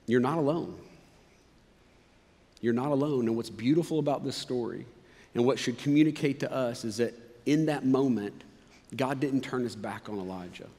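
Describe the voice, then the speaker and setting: A pastor preaches a sermon in a church auditorium at a moderate pace, his story swinging from loud excitement to hushed, low passages, with casual fillers. The sound is that of a big room.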